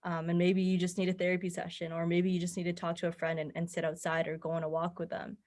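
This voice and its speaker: Speaking quickly in a darkish monotone, a young woman with a slightly low voice and little pitch variation talks as a podcast guest and mental health advocate, offering earnest, encouraging advice in a conversational interview style.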